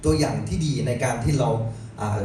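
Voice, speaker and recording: A man's voice: medium pitch, a little fast, dark tone. A man interpreting a sermon phrase by phrase for a congregation, addressing them politely and often. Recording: very echoey hall, distant, noisy.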